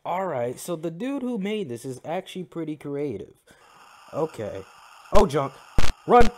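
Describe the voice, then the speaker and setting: A man's voice: fairly high pitch, big pitch swings, moderate pace, a little mellow. A man doing scared, slangy horror game commentary, often repeating phrases in a panic. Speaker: gamer playing a horror game on a recording. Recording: noisy gameplay recording with clicks.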